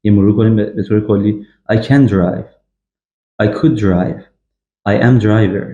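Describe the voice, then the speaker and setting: A man giving an English grammar lesson, drilling example sentences slowly with frequent fillers. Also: fairly low pitch, mellow. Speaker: English teacher. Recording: echoey, dull lo-fi room recording.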